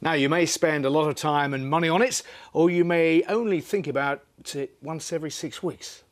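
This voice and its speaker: A man's voice: a little high, normal speed. Jokey male news presenter. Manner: jokey, self-deprecating. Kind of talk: studio presenter banter.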